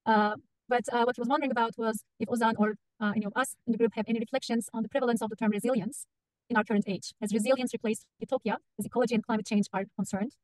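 A woman reads a question aloud on a video call, hesitating often. Her voice is slightly high and a little quick, and it sounds dry. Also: fairly even intonation, a little mellow, no echo, rough recording. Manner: hesitant, many uhs. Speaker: moderator reading chat questions.

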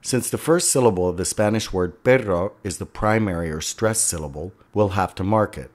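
A man narrating a step-by-step software tutorial as an instructor, a voice-over for a screen recording. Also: sits low, normal speed.

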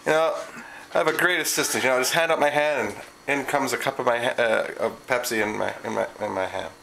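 A man's voice: medium pitch, quick pace, creaky, bright, forceful tone. A young man from Canada, filming home sketches and joking around in playful, theatrical chatter. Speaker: camera operator in home sketches. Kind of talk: casual home-video chatter. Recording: noisy home-camera audio.

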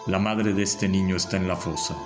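A man voicing a condemned father facing death, grave, measured and calm. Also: low-pitched, lightly acted. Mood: stoic. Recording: voice over loud music.

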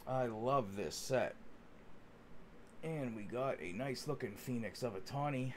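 A man's voice: mid-range voice, measured pace. Chatty man hosting a card break, noisy background. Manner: chatty, folksy, addresses buyers as friends. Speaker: host of a sports card box break. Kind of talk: casual running commentary while opening cards. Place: indoors at a card-covered table.

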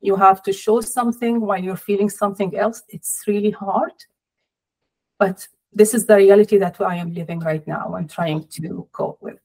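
A middle-aged woman speaking as an interview guest over a video call, measured and sorrowful, with deliberate pauses. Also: medium pitch, steady tone, creaky, warm tone, poor audio. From Palestinian, family in Jordan. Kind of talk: personal interview. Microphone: laptop or webcam on video call.

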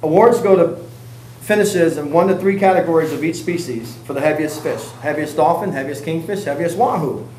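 A man's voice: a little high, brisk, darkish tone, roomy sound, slight background noise, rough recording. A middle-aged man co-hosting a joking rundown of tournament rules, teasing his partner, recorded in a fishing shop. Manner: playful, teasing. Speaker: co-host.

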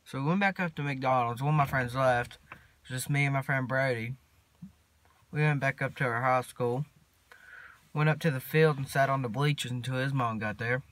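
A teenage boy, rambling casually to his phone camera from inside a parked truck, mumbling in a laid-back drawl with long pauses. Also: mid-range voice, a bit bright. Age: teens. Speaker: vlogger. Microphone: phone camera at arm's length.

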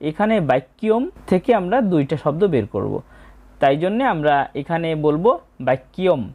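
A woman teaching how to pronounce Sanskrit verses, breaking words into single sounds and drawing them out slowly as she recites. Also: low-pitched, lively intonation, dark tone. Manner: slow, deliberate, spells out sounds one by one. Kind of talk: pronunciation lesson on Sanskrit verses.

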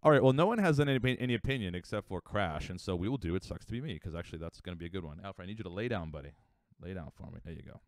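A young man chatting casually on a live stream, rambling with fillers and quick asides. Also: low-pitched, lively intonation, no room sound, clean studio sound. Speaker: livestreamer.

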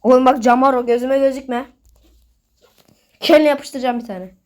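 A high-pitched woman hosting a gaming video narrates casual gameplay commentary for a football manager game at normal speed. Excitable, she keeps scolding the players on screen and chats with her viewers as though they were friends.

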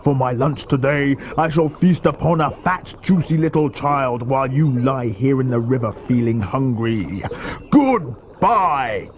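A man's voice: medium pitch, expressive, dull audio, slight background noise, lightly acted. A man voicing an enormous, greedy, boastful crocodile, a sly storybook villain who gloats and savours each word. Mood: sly gloating. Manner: gloating, savouring words slowly. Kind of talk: children's storybook character voice.

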